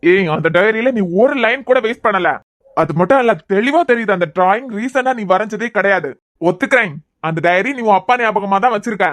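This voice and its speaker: A man's voice: high-pitched, fairly quick, fairly bright tone, no echo. A man voicing a teasing, persistent young man in a Tamil cartoon series with a Kanyakumari accent. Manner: teasing, pressing questions. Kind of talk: cartoon web series voice acting.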